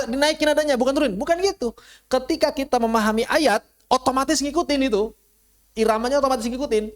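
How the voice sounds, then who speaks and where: A man teaching an online Quran lesson in a casual way, asking rhetorical questions and rising high to stress his points. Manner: animated, rises high when stressing a point; casual, uses local slang. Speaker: Islamic studies teacher. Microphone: close mic, online class.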